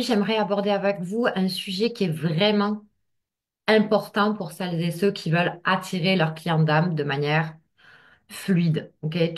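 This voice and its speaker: A woman giving a casual coaching talk to camera as a business coach, speaking straight to the listener and checking in often. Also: on the low side.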